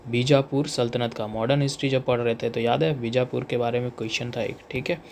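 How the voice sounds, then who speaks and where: A young man with an Indian accent giving a casual exam-prep lecture, chatty and repetitive, reading English lines slowly. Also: medium pitch, fairly even intonation, vocal fry, darkish tone, slight background noise. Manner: chatty, repeats "theek hai", reads English slowly. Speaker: exam coaching teacher.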